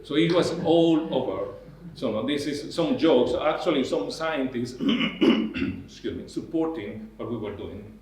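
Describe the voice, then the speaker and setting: Halting male lecturer in an echoey hall. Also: mid-range voice, expressive, a little mellow, a little hiss or hum. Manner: halting, full of restarts and repeated words. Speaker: university lecturer. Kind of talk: academic lecture.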